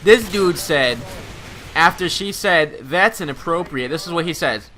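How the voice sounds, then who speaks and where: A young man in his twenties with a bright, forceful voice sitting a touch high in his range. He talks over gameplay in a loose, slangy way, laughing through his own stories. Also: measured pace, slight background noise. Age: 20s. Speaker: gaming channel host. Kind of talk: gameplay commentary storytelling.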